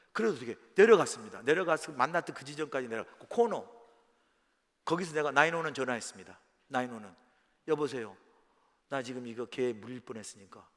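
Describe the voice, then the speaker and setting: Middle-aged male pastor, high voice, lively sermon storyteller, church hall reverb. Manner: animated, acts out scenes and his own quotes. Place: church sanctuary.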